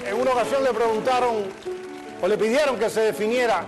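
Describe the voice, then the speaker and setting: A man's voice: extremely high pitch, brisk, music in the background. A middle-aged man, hosting a TV show with a joking stand-up monologue. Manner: joking storyteller, punchline delivery. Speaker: TV show host. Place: television studio.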